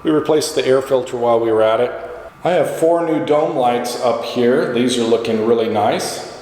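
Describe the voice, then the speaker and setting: A man's voice: mid-range voice, moderate pace, a little mellow. A man hosting a casual, matter-of-fact walkthrough of a house as its owner, listing details item by item. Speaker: property owner and video host. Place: indoors in an empty house. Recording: very echoey empty house, faint noise.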